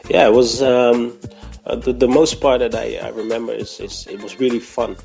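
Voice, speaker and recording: A man's voice: mid-range voice, steady tone, moderate pace, creaky, a little mellow, soft background music. A man from Aruba with an Aruban accent, chatting casually in an interview and often searching for words. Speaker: podcast guest.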